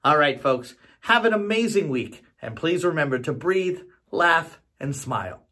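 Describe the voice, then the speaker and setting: A middle-aged man telling a joke from his home studio. His pitch climbs and swoops with theatrical energy, and he sits a little high for a man. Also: a little slow. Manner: animated, theatrical storytelling. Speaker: actor telling jokes. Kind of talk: storytelling joke to camera.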